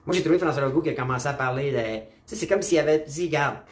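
A man's voice: a little high, fast. A man with a Quebec French accent giving a casual opinion monologue to camera, blunt and emphatic, slangy, mixing in English words and repeating his catchphrases. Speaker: political commentator. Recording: roomy echo.

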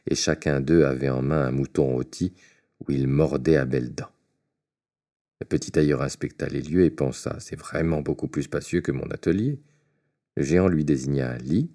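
A man reading a fairy tale aloud in a measured, expressive storytelling manner. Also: very deep voice.

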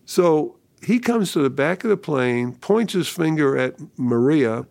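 An older man with a gravelly, fry-laden voice recounts a story from his past, bringing the people in it to life as he talks. The recording is dry and close, with no room sound at all. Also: on the high side, a little slow, dry recording. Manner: lively storyteller who acts out dialogue. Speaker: interviewee.

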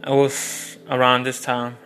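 A young man rambles through a personal story in a loose, unscripted way. His voice is bright and forward, and his pitch stays level and flat. Faint guitar music plays underneath. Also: unhurried. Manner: rambling, many restarts and fillers, frank. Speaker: vlogger. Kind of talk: casual storytelling monologue.

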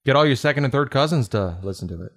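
A young man hosting a podcast in casual chat, relaxed and self-mocking, laughing often. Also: mid-range voice, quick pace. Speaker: podcast host.

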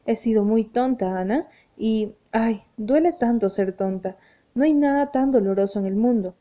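A woman's voice: a little high, moderate pace, close to an everyday voice. A woman voicing an anguished, restless young woman who speaks in an agitated, pleading way, in an audiobook reading. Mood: distressed. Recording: tinny phone-like sound.

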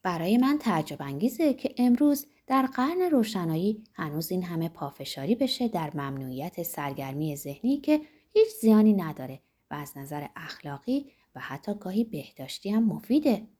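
Smug chatty pharmacist man, read by a woman, argumentative, husky mellow tone, lively intonation, audiobook. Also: lowish voice. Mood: arguing. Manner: argumentative, self-satisfied, gossiping. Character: boastful talkative middle-aged male pharmacist. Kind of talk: audiobook character reading.

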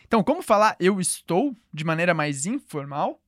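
A woman teaching a podcast language lesson, patiently repeating words slowly for listeners to echo. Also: lowish voice, sing-song, clean studio sound.

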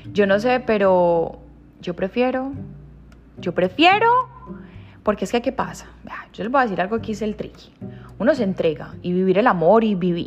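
A woman in her mid-thirties speaks in a heartfelt, emphatic monologue about inner growth. Her voice sits at a middle pitch and often sinks into a quiet, near-whispered hush. Soft music plays faintly behind her. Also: muffled recording. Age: 30s. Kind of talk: reflective motivational monologue.

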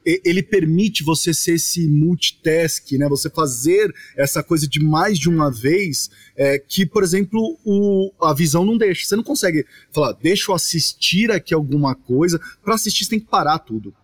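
A man from Brazil, a podcast guest, explaining his topic at length in casual chat with animated asides. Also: on the high side, normal speed, few pauses, breathy edge.

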